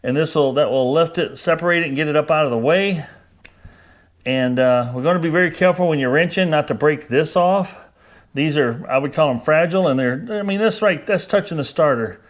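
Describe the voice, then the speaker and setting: Male home mechanic, slightly high voice, casual plainspoken how-to talk with wry asides. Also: brisk. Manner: plainspoken, wry, a little exasperated. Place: backyard garage workspace.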